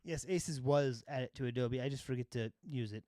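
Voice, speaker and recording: A man's voice: medium pitch, moderate pace, dark tone, no room sound, studio quality. A man chatting casually on a live stream as a filmmaker, rambling with lots of fillers, swearing now and then. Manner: rambling, filler-heavy, swears and laughs often. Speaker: filmmaker live-streaming his color grading.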